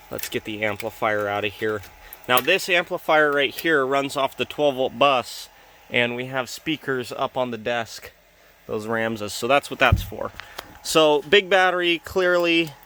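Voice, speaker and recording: Bright-voiced man explaining repairs. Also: mid-range voice, a little hiss or hum. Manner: shaken and excited at first, then calm explaining. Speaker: electronics repair video host. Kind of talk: casual hands-on demonstration. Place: indoor workshop studio.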